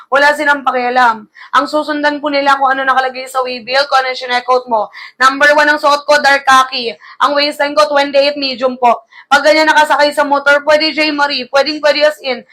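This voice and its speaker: High bright woman doing live-selling patter. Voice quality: slightly gravelly through the mic. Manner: brisk, repetitive sales patter addressing buyers as madam. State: tired, low energy after shouting. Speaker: online live seller. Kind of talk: live-selling sales pitch. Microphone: close-up streaming mic.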